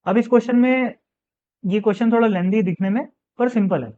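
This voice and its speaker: A man teaching a physics exam problem step by step, reading the question slowly and then explaining it casually, often asking and answering his own questions. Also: sits high, mellow, dull audio.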